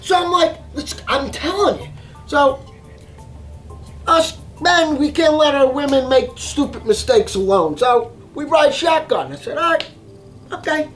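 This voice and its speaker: High-voiced, animated storyteller man. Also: measured pace, soft background music, poor audio. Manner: animated, emphatic, repeats himself. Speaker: cooking channel host. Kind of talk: storytelling vlog.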